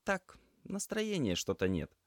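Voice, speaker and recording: A man's voice: a little high, huge pitch swings, a little slow, no room sound, clean studio sound, pitched above the performer's own voice. A man doing a sulky grumbling girl student. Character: grumpy young female student activist.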